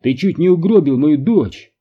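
A man voicing a hot-tempered, protective father who shouts in fury, in an audiobook. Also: a little high, animated, normal speed, breathy edge, dull audio, pitched above the performer's own voice. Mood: furious. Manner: shouting, furious.

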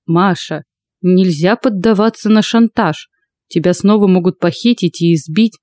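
A woman voicing a stout, blustering man in an audiobook, speaking in a gruff, measured way. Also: lowish voice, a little mellow, no echo, close to an everyday voice. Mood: weary. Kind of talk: audiobook character voice.

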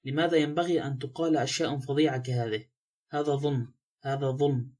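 Upset young woman pleading innocence, read by a man, storybook audiobook, quick delivery. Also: medium pitch, steady tone, a little mellow, lightly acted.

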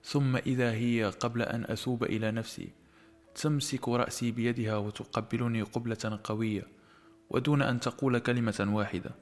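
A man narrating a novel as an audiobook in a measured, expressive storytelling manner. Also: mid-range voice.

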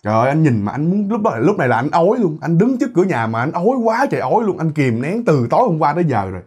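A man recounts a ghost story at a rapid clip. His husky voice sits a bit high and swings widely in pitch. He talks chattily to his listeners, peppering the story with exclamations. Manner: animated, chatty, frequent exclamations and tag particles. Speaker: horror story narrator. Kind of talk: casual spoken storytelling to listeners.

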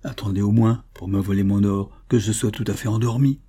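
A man's voice: on the low side, fairly even intonation, brisk, warm tone, husky, dry recording, studio quality. A man reading aloud and voicing a sleeping stranger who mocks a thief with cold sarcasm. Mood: mocking. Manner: cold, mocking.

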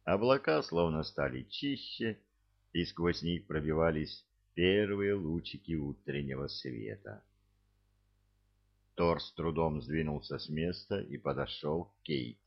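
Deep, gravelly male audiobook narrator. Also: big pitch swings. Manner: measured, dramatic storytelling. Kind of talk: audiobook reading. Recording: dull lo-fi audiobook recording.

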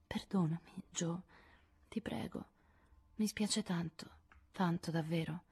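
A woman reading an audiobook, voicing a spiteful younger girl with a high, defiant, taunting voice. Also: big pitch swings, brisk. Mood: whispered pleading. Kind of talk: audiobook character voice.

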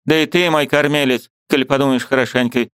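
A man reading an audiobook and voicing a fussy, bustling old aunt who talks in a brisk, scolding, chattering way. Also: medium pitch, steady tone, a bit bright, clean tone, no echo, pitched above the performer's own voice, close to an everyday voice.

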